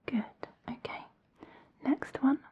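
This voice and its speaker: A woman whispering slow, reassuring instructions in an ASMR hearing-test roleplay. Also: muffled recording.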